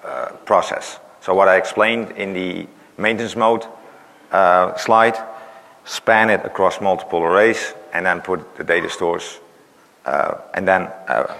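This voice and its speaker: Gravelly-voiced man presenting in a hall. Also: low-pitched, steady tone, normal speed, a bit bright. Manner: explanatory, frequent "uh" and "right?" tags. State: losing his voice. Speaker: conference presenter. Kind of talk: technical conference talk. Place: large conference hall. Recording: reverberant conference hall.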